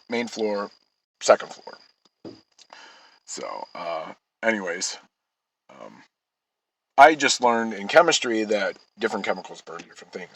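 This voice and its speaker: A man's voice: fairly low pitch, no echo, poor audio. A man telling a rambling personal story in casual speech, swearing often and restarting sentences. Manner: rambling, profane, with frequent halting restarts. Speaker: vlogger.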